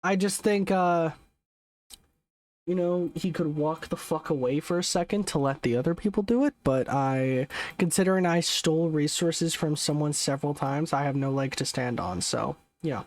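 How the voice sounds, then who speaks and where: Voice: mid-range voice, moderate pace, darkish tone. A young adult game streamer chatting casually during a live session, rambling, correcting themselves often and swearing offhandedly. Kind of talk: casual live gameplay commentary.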